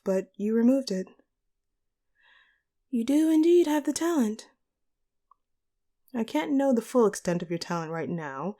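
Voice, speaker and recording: In a scripted audio roleplay, a woman plays a composed, courteous supervillain boss, addressing the listener in formal, measured phrases and sounding impressed. Her mid-range voice is mellow and lightly acted.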